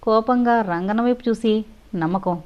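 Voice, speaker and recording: A woman narrating a suspense thriller audio novel in steady scripted storytelling. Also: medium pitch, moderate pace. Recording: dull lo-fi recording.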